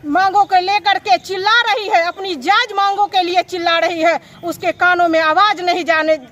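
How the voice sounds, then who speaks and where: Very high-voiced indignant woman protester. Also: fairly even intonation, moderate pace, fairly bright tone. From Bihar. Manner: indignant, rhetorical questions. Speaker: protesting anganwadi worker. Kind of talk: impassioned protest speech.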